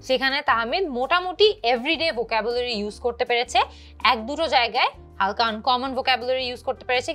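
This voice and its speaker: Fast-talking young woman teaching English. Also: a little high, a bit bright. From Bangladesh. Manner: explains step by step, mixing English terms into Bengali. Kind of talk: exam prep lesson.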